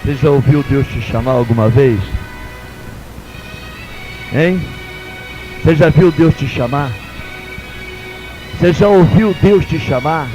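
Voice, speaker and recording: A man with a Brazilian Portuguese accent preaching a sermon as pastor, in a sing-song cadence that swells into shouts. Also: fairly high pitch, takes it slowly, pauses often, music in the background, poor audio.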